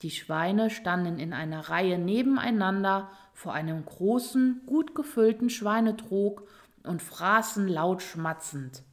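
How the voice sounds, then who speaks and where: A woman reading a children's storybook aloud in a calm, expressive way. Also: medium pitch, measured pace. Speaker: narrator.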